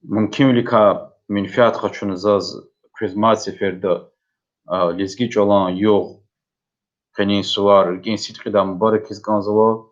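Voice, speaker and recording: A man's voice: fairly low pitch, fairly even intonation, measured pace. A native Lezgian man from Dagestan hosting an online dictation, addressing the participants. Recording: dull, lo-fi online audio.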